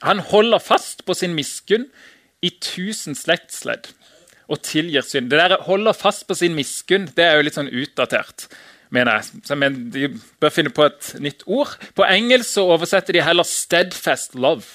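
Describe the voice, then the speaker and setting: Bright-voiced man preaching casually. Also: a little high, expressive, no echo, clean studio sound. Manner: casual, chatty, laughs often, acts out shouted quotes. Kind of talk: informal sermon.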